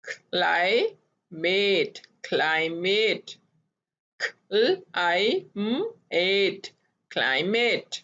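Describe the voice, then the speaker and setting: A woman's voice: on the high side, fairly bright tone, muffled recording. A woman teaching phonics, sounding out letters and stretching each word as she repeats it. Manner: drawn-out, repeated word pronunciations.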